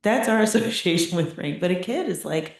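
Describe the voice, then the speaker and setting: Her fairly low, gravelly voice is expressive and brisk as this middle-aged woman delivers a conversational Buddhist teaching, tossing in "right?" and light laughter. The recording, made in a meditation center teaching room, is very echoey.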